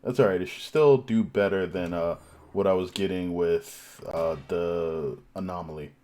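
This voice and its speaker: A man casually commenting while playing a game, relaxed and thinking aloud. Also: low-pitched, normal speed. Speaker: gameplay streamer. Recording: voice over game audio and music. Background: game music.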